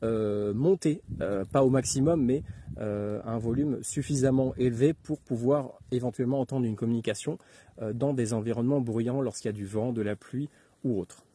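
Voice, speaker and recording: A man giving an informal spoken tutorial as an instructor, talking haltingly with many hesitations and filler words. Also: medium pitch, dark tone, breathy edge. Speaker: instructor giving outdoor radio advice.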